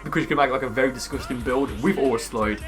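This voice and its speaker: A man's voice: medium pitch, quick pace, fairly bright tone. A man giving casual gameplay commentary in a rambling, conversational way. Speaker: gaming video creator. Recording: music behind the voice. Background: music.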